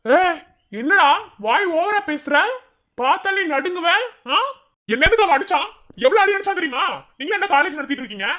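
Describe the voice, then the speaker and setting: A man's voice: very high-pitched, sharp tone, heavily acted. A man voicing a hot-headed young male student in a cartoon, defiantly talking back in a Madurai Tamil accent. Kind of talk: cartoon voice acting.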